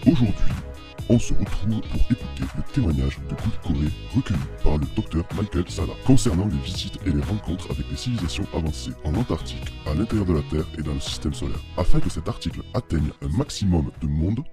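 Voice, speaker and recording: A man's voice: deep voice, lively intonation, fairly quick. A man hosting a video channel, giving a scripted intro and appealing to viewers, his own voice run through a voice changer so it sounds half robotic. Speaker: channel host. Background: guitar music.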